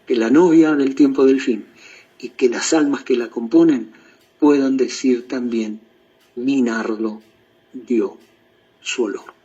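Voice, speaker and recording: An Argentine man preaches with a husky, dark tone, quoting scripture in emotional bursts and sinking to near-hushed lines. The recording is dull and muffled. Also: medium pitch. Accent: Argentine Spanish. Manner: emotional, pausing preaching with swings in loudness. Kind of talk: sermon with quoted readings.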